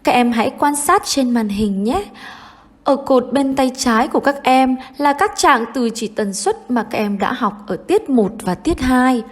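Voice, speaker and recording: A young woman with a Vietnamese accent, an English teacher giving an online lesson in a clear, measured way. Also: sits high, lively intonation.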